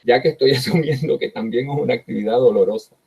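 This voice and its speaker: A middle-aged man, a professor, talks reflectively about how he writes, often pausing on fillers and asking "right?" to his listeners. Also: mid-range voice, creaky, darkish tone, husky. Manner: tags sentences with "¿verdad?" and pauses often on "eh". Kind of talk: reflective talk on his writing process. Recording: dull lo-fi recording.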